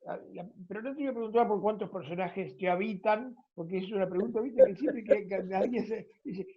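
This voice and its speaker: A radio host with an Argentine accent conducts a conversational interview, speaking in an informal, affectionate way and closing with a book recommendation. His voice is high, brisk and slightly breathy, and the sound quality is lo-fi.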